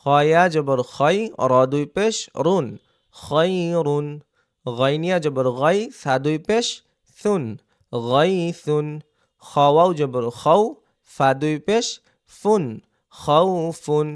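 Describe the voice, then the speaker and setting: A man teaching Quranic letter reading in an online lesson, spelling out syllables slowly and repeating each one, often checking in with his students. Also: fairly high pitch, clean tone. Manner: slow, drilling syllables one by one, asking "ঠিক আছে?".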